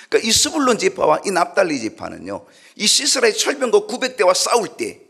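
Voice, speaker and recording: A middle-aged male pastor preaching a sermon in an animated way, asking the congregation questions. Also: fairly high pitch, vocal fry, husky.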